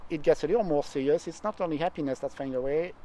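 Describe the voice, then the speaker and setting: A man, a literary scholar, discussing a poem in relaxed conversation and getting animated when he tells stories. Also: a little high, quick pace, low-quality recording. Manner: animated, speeds up and gets excited when telling stories.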